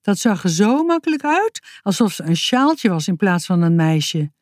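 A woman narrating a children's story aloud in an expressive, lively way. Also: mid-range voice, moderate pace, no room sound, clean studio sound.

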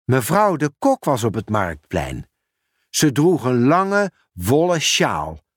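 A man reading a children's story aloud in an expressive, unhurried manner. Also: mid-range voice, no room sound, studio quality. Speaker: narrator. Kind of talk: storybook read-aloud narration.

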